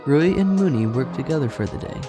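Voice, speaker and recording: A man's voice: medium pitch, lively intonation, brisk. Male narrator, hammy stage-actor delivery, dramatic reading of game events, music underneath. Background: background music.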